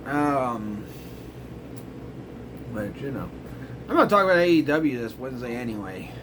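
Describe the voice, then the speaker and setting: A man's voice: medium pitch, very animated, moderate pace, fairly bright tone, slight background noise. A middle-aged man hosting his own show, ranting in a grumbling, exasperated way with sarcastic asides. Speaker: host. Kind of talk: casual ranting commentary.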